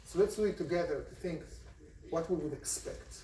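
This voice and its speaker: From a phone in the audience comes a distant, roomy recording of a large university lecture, with a little hiss or hum. The lecturer is a man with an Israeli accent and a slightly high, dark-toned voice at a moderate pace. He keeps things conversational and regularly puts questions to the class.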